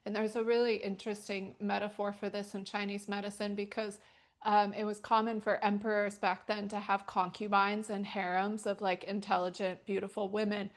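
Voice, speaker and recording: A woman's voice: mid-range voice, little pitch movement, normal speed. A middle-aged woman teaching a yoga class and telling stories, talking casually and rambling with many fillers. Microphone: wearing a microphone.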